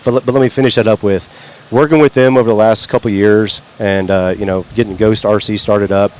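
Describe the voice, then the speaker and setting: A man's voice: fairly low pitch, fairly even intonation, brisk, a little mellow. A man from Kansas City chatting as a guest at a race event, rambling and repeating words. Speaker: guest, product maker. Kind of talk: casual interview chat.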